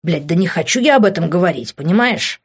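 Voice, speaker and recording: A blunt, hot-tempered young man snaps out short, swearing lines, as a woman reads him in an audiobook. The voice sits at a middling pitch, and the recording sounds slightly muffled. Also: very animated, takes it slowly, a little mellow. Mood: irritated.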